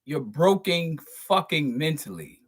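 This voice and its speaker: A man's voice: a little high, very animated, measured pace, breathy edge. A man hosting his channel, giving a profane spiritual monologue to viewers, stressing and drawing out words and chuckling between points. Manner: profane, preachy, emphatic. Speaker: channel host.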